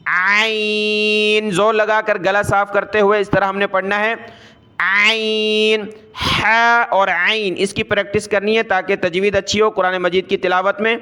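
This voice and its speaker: Bright, clear-voiced male Quran teacher. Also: sits high. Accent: Urdu-speaking Pakistani. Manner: explains fast, then stretches each letter slowly three times. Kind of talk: slow drilled letter pronunciation lesson.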